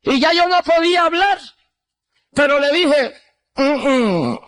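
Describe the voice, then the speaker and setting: Slow, high-voiced older preacher. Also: male voice, steady tone, a bit bright, no room sound. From Puerto Rico. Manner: impassioned, slow and drawn out, dropping low on quoted replies. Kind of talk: testimony sermon.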